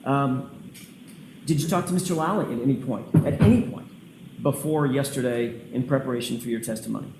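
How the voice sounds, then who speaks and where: In a large indoor courtroom, a defense lawyer cross-examines a witness with pointed, insistent questions. His mid-range voice moves a little fast and carries vocal fry, captured on an echoey courtroom feed with faint noise.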